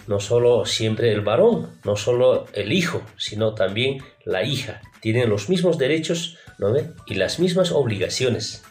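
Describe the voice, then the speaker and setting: A man's voice: medium pitch, animated, measured pace, few pauses. A male teacher giving a formal lesson who addresses his pupils directly and explains patiently with rhetorical questions. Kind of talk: recorded classroom lesson. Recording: roomy echo, faint music behind.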